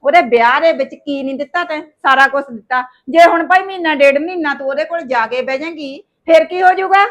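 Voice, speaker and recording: A woman's voice: sits high, fast, few pauses, natural voice. A woman acting a nagging mother-in-law in a village short drama, complaining and scolding. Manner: nagging, complaining, grumbles to herself.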